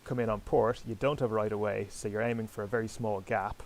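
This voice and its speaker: Gravelly-voiced man commentating a sailing game. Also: lowish voice, little pitch movement, fairly quick, darkish tone, slight background noise, rough recording. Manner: chatty, self-deprecating, talks to viewers. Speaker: host commentating online sailing races.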